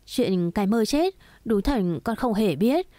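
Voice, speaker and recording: A woman voicing a frightened young female servant in a storybook reading, explaining herself in a plain, hurried way. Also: a little high, very animated, warm tone, no room sound. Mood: defensive.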